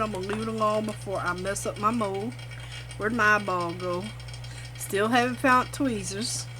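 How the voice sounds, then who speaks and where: Woman, unhurried, higher-pitched voice, informal hands-on craft host with a folksy manner, faint machine noise in the background. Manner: folksy, informal, talks to herself while working. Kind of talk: casual hands-on craft demonstration. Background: running machine, vacuum pump.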